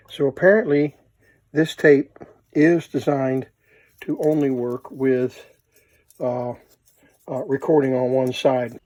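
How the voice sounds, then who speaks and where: A hobbyist presenter who works with vintage tape recorders gives a casual, unscripted hands-on demonstration, thinking aloud as he goes. His voice is medium-pitched with a warm tone.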